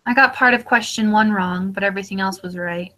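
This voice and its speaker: A woman's voice: medium pitch, brisk, pushed and bright, rough recording. A woman in a student study group, asking brief, direct questions in casual chat.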